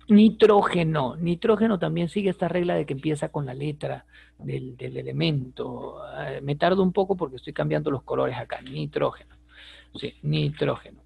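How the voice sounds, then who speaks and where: A man's voice: a little high, gravelly, a little mellow, breathy edge, no echo. A man teaching an online chemistry lesson, patient and repetitive, checking in with his students as he writes. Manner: patient, repeats words, asks rhetorical checks.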